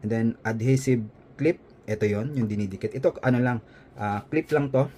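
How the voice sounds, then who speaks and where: At a normal speed, a Filipino-accented man with a warm, medium-pitched voice presents a product, with slight noise in the background. His casual unboxing and review is conversational, explained as he goes and punctuated by short tag questions.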